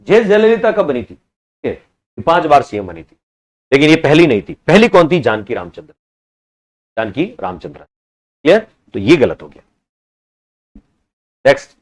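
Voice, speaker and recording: A man teaching an online exam-prep class, quizzing students and repeating each answer, at times scolding them for slow replies. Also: on the high side.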